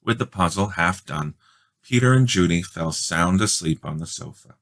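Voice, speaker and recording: A man reading a children's storybook aloud as a dramatic, expressive narrator. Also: low voice, normal speed. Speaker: storybook reader.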